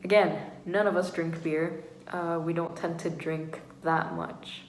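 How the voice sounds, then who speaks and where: A woman's voice: deep voice, steady tone, unhurried. Young woman vlogger rambling in an echoey room. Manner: rambling storytelling full of "like". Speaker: travel vlogger. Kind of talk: casual chat. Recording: echoey room with faint noise.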